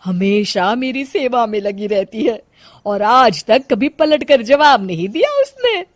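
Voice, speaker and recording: A woman's voice: a little high, very animated, unhurried, dry recording, studio quality. A woman as a fussy city mother-in-law. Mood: boastful. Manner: complaining, theatrical sighs.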